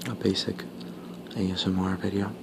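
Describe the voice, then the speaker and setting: A man whispering casual ASMR talk while chewing gum, pausing between short, halting phrases. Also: low-pitched, completely flat delivery, creaky, noisy background. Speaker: ASMR video creator.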